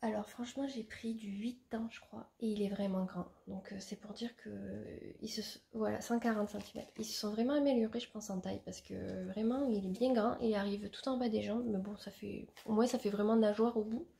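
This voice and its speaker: A woman's voice: medium pitch, fairly even intonation, brisk, gravelly, hardly any pauses, dark tone. A young woman chatting casually as a vlogger, showing gifts with many fillers and restarts. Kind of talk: casual show-and-tell chat.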